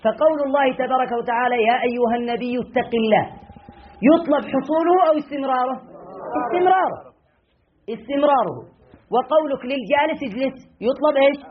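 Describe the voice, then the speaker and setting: A man teaching a classroom grammar lesson as a sheikh, questioning his students and repeating key phrases slowly. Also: very high-pitched. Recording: tinny lo-fi lesson recording.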